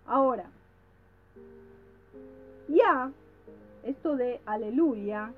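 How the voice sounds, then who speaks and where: Woman, reflective religious teaching, deliberate, checks in with listeners, phone-like lo-fi audio. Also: on the high side, lively intonation. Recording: tinny phone-like sound with faint music.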